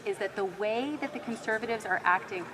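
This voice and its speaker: A woman's voice: medium pitch, a little fast, noisy background. A Canadian woman giving a formal, reproachful reply as government leader in parliament. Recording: crowd in legislative chamber.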